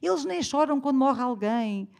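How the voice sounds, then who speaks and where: A woman's voice: high-pitched, lively intonation, moderate pace, gravelly, voice pushed up. A woman preacher voicing a worried, tearful older mother in a retold story, pleading and lamenting.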